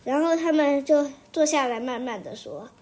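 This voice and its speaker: A high-pitched, animated female voice with a warm tone, speaking at normal speed in a Taiwanese Mandarin accent. It sounds like a young child, probably a girl, rambling through a story she's making up as she goes. She keeps restarting sentences and repeating phrases in a singsong way.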